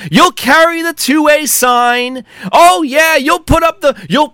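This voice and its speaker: A man's voice: very high-pitched, pushed and bright, dry recording, clean studio sound. An American man delivering a heated, profane monologue rant, angry and sarcastic. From United States. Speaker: commentator.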